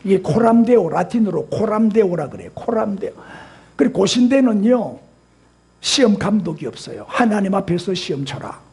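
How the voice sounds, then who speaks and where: Male pastor, emphatic sermon voice, strongly raspy and high. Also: very animated, normal speed, darkish tone. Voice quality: husky. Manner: emphatic, asks the congregation rhetorical questions. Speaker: senior pastor.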